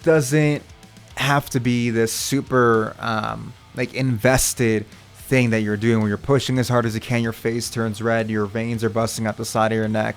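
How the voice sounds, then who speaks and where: A man speaks as a vocal coach in an instructional video. His mid-pitched voice has plenty of fry, and he explains each step in a reassuring way. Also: little pitch movement, a little slow, soft background music.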